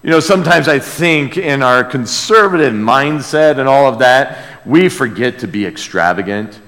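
Delivering an expository sermon, a man uses emphatic speech, repeated key words, and rhetorical questions. He speaks at normal speed with a medium-pitched, expressive, slightly bright voice, recorded in a hall with a long reverb.

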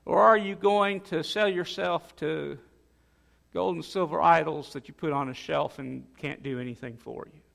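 A man's voice: a little high, moderate pace, gravelly, a bit bright, long reverb tail. A man preaching a sermon in a conversational way, with frequent fillers and restarts. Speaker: pastor.

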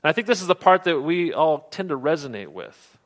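A man preaching a sermon, earnest, often dropping to soft, low tones for emphasis. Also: big pitch swings, fairly quick. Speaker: pastor.

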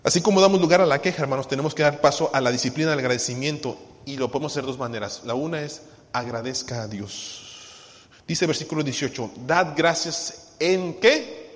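A pastor preaches a sermon to a congregation in a large hall, asking them questions and occasionally singing lines of a hymn. His voice is medium-pitched and fast.

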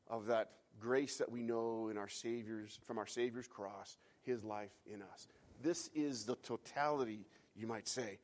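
A man preaching a sermon, moving from quiet reflection to fervent, emphatic climaxes, repeating key phrases. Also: medium pitch. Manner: builds from hushed reflection to fervent, loud climaxes; repeats phrases for emphasis, some restarts and fillers. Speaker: pastor.

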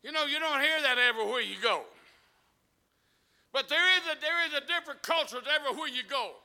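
High, bright-voiced preacher. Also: male voice, fairly quick. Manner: folksy storytelling with fervent preaching swells. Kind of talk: sermon.

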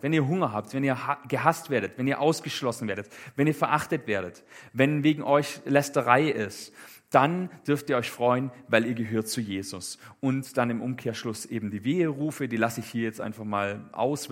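A man preaching a casual sermon in a conversational way, with many fillers and rhetorical questions. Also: medium pitch.

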